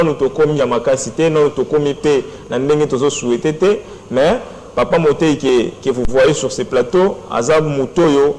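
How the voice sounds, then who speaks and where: A man's voice: mid-range voice, darkish tone, slight background noise, poor audio. Earnest Congolese man as a studio guest. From Democratic Republic of the Congo. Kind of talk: studio interview, French and Lingala. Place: TV studio set.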